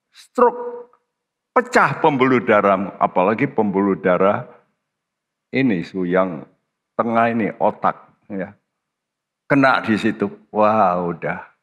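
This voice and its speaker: A man preaching a sermon as pastor, slow and emphatic, with sudden high-pitched stresses on key words. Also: a bit bright, lo-fi sound. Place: church. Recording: church hall reverb.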